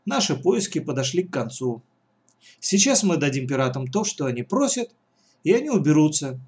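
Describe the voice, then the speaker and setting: A man voicing a calm, clever boy in glasses who speaks in a reasoned way. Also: fairly high pitch, normal speed.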